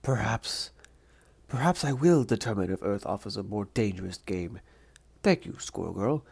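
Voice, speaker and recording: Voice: low voice, lively intonation, moderate pace, gravelly, darkish tone, husky, exaggerated voice. A performer voicing a pompous, menacing male supervillain hunter in a comic dub, speaking in a grandiose, formal, haughty way. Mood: pensive, solemn. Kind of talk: theatrical comic-book villain dub.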